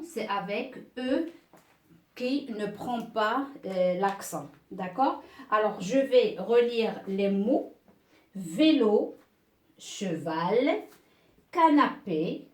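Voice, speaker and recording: A woman teaching beginners, with a slightly high voice and an unhurried, deliberate pace. She repeats each word and keeps checking that her pupils follow. The sound is echoey, as if recorded in a bare room. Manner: slow, patient, repeats words and checks with "d'accord?". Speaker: French teacher. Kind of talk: beginner French lesson.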